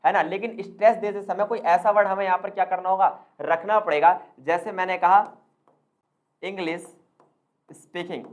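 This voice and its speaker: A man's voice: high voice, fairly even intonation, normal speed. Man lecturing with constant rhetorical questions. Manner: keeps asking the listener questions and answering them; addresses the viewers as friends. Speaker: exam-prep tutor. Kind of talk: explanatory lecture.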